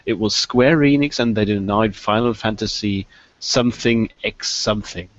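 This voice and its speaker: A man in casual podcast chat, talking haltingly and restarting his words often. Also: fairly low pitch, dull audio.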